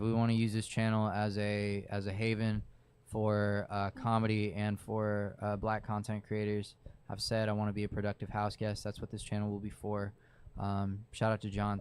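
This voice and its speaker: Man, podcast host, low flat voice, smooth, casual chat.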